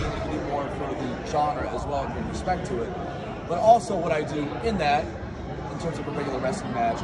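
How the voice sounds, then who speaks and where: A man from the American Midwest giving press interview answers as a professional wrestler, self-assured and boastful. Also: on the high side. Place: busy wrestling venue press scrum. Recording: noisy crowded public space, distant mic. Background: loud crowd and ambient noise.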